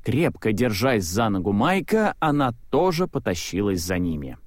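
A man narrating a children's storybook with lively, expressive delivery. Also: fairly low pitch, normal speed, dry recording, studio quality. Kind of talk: storybook reading.

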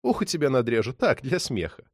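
A man doing a soft-spoken, mocking phantom caller. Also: mid-range voice, sing-song, brisk, slightly rough, no echo, clean studio sound. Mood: taunting. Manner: soft, polite, taunting. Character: mocking mysterious male caller, coolly menacing.

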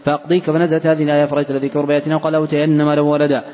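A man reading hadith texts aloud in a fast, even recitation, recorded in a large mosque hall. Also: on the high side. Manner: fast, even, unbroken reading with brief slips. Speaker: hadith reader. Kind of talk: rapid recitation of hadith text. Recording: dull recording in a reverberant hall.

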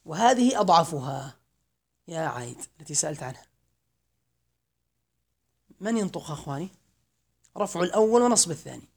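A man giving a classroom grammar lesson, slowly reciting verse lines, then explaining them and quizzing his students. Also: fairly high pitch, sing-song, creaky. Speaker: grammar teacher.

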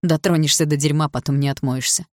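A woman's voice: sits low, fairly even intonation, fairly quick, no echo, clean studio sound, natural voice. A woman voicing an arrogant young man who speaks in a sneering, condescending way.

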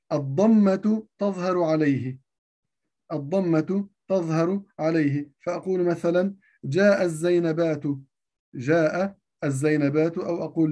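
A man explaining grammar in a lesson, with a mellow, warm tone that sits a little high for a man's voice. He goes over each point more than once and poses his own questions before answering them. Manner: repeats each point and asks himself rhetorical questions. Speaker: teacher of Arabic grammar.

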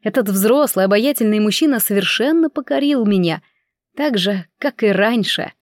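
A woman reading a first-person novel aloud, expressive and measured. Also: medium pitch, no echo, studio quality. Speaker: audiobook narrator.

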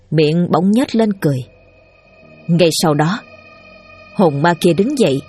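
Husky woman reading a horror story. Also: on the low side, dark tone. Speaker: narrator. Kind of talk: scripted horror story narration. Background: faint music.

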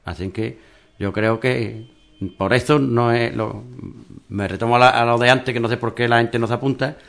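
A man's voice: medium pitch, fairly even intonation, normal speed, vocal fry, fairly bright tone. A man who organizes a mountain race, talking it through in a rambling radio interview with many restarts.

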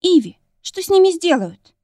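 A woman doing a shrill, terrified young friend. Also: very animated, moderate pace, warm tone, no room sound, clean studio sound. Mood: frightened. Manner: trembling, high-pitched, near tears.

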